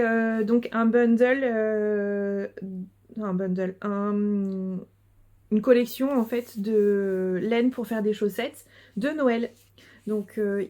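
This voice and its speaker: A woman's voice: on the high side, dark tone. A woman chatting casually to her viewers as a knitting and sewing podcaster, hesitant with many fillers and given to giggles. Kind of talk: casual video chat showing crafts.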